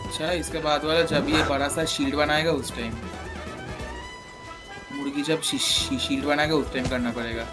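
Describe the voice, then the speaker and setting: A man's voice: fairly high pitch, little pitch movement, normal speed. Man coaching over game music. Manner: coaching a friend, repeating instructions. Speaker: streamer. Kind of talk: live gameplay commentary.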